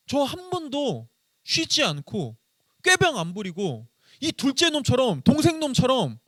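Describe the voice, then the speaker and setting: A man's voice: fairly high pitch, no echo, studio quality, close to an everyday voice. A man voicing a resentful, dutiful eldest son who insists bitterly on his loyal service.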